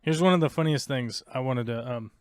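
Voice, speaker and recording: Talking a little fast in a mid-range voice, an American live-stream host rambles, cracks jokes and fills his speech with fillers. The recording is dry and studio quality.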